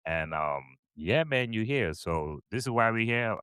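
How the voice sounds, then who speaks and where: A man's voice: on the low side, animated, measured pace, a bit bright, clear, resonant tone, no room sound. A middle-aged Trinidadian man hosting a podcast interview, chatty and upbeat, with lots of fillers and repeated words. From Trinidad and Tobago. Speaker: podcast host. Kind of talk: casual interview chat.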